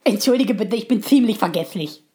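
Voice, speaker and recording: A woman voicing a gentle, forgetful female talking spider who chats softly and eagerly in an audio story. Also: medium pitch, animated, a little fast, husky. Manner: soft, warm-hearted, chatty.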